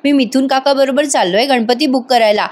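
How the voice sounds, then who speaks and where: A woman's voice: sits high, fairly quick, a little mellow. A woman doing a friendly, concerned young husband.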